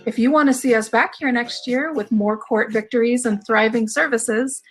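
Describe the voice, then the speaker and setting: A woman's voice: a little high, normal speed, a bit bright, faint music behind, low-quality recording. A woman reading an earnest, sincere fundraising appeal.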